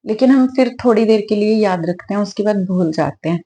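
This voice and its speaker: At her home altar, a woman speaks gently and affectionately in a casual devotional vlog, occasionally turning preachy. Her medium-pitched voice is slightly hoarse and brisk, and she clears her throat now and then.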